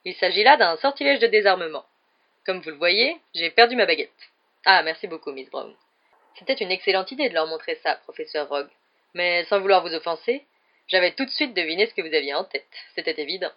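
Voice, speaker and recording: A reader voicing a flamboyant, boastful male wizard teacher with a loud, theatrical delivery, on a dull lo-fi recording. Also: sits high, expressive, fairly quick. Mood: blustering. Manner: showy, loud, theatrical announcing. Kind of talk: audiobook character voice.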